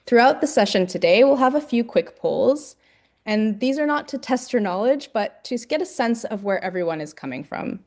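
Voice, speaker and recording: A woman moderating an online webinar, giving measured, scripted introductions with the occasional filler. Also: on the high side, lively intonation, a little mellow. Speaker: webinar host.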